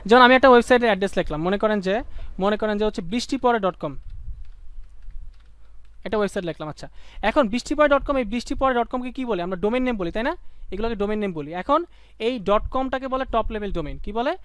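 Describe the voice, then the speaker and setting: A young Bangladeshi man teaches a live online class with a very high, quick voice, pushing students to call out answers and repeating key points over and over. He is playful and jokey. His voice comes through smooth and clear in a dry, close sound. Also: animated, no room sound. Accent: Bangladeshi Bengali. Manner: calls on students to shout answers, drills by repetition; playful, slips into sung lines and mock phrases.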